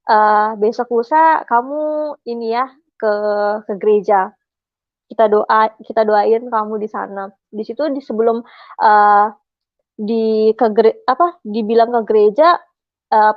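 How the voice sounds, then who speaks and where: A woman's voice: a little high, no echo. A young woman giving a personal testimony as an interview guest, shy and recounting at length with frequent hesitations. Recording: dry, slightly dull sound.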